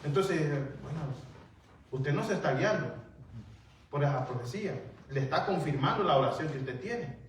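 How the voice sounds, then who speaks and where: A man preaching in a loose, chatty way, often turning to his listeners as brothers and playing out small back-and-forth scenes. His voice sits a little high and comes from well off the mic, in a very echoey hall with faint room noise behind it. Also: expressive, normal speed, distant mic. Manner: keeps addressing listeners as "hermano", acts out dialogues. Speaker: pastor. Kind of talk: conversational sermon.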